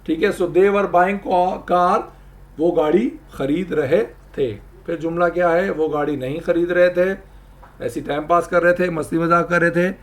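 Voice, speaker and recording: A man teaching English grammar, explaining slowly and repeating example sentences. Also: fairly high pitch, fairly even intonation. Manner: addresses viewers, asks them to try. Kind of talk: spoken language lesson.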